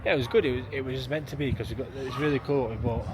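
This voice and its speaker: Young man, casual travel vlogger, rambling and chatty, recorded on a phone with street noise clearly behind him. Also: mid-range voice, steady tone, rapid-fire. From England. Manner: chatty, rambling, full of restarts and fillers. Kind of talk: casual travel vlog narration. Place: outdoors in a small town and in a car. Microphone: phone camera.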